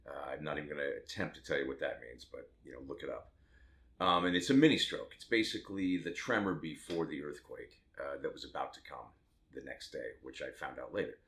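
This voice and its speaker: A man's voice: rumbling low, fairly bright tone. A man in his fifties from Las Vegas, a tattoo artist telling his own story to the camera in a candid, rambling way with self-mocking asides. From Las Vegas, Nevada, USA.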